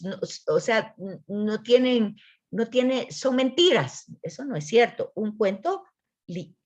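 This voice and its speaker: On lo-fi audio, a woman whose voice runs a little high leads an online Bible literature lesson, patiently explaining, repeating words and tossing in frequent "¿verdad?" checks.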